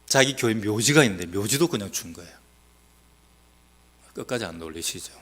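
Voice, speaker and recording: Male pastor, Gyeongsang accent, bright lively sermon delivery, emphatic swings in pitch. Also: normal speed. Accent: Gyeongsang Korean, mixed. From South Gyeongsang, Korea. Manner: emphatic, rising to loud exhortation, then dropping low; teasing, asks the congregation questions.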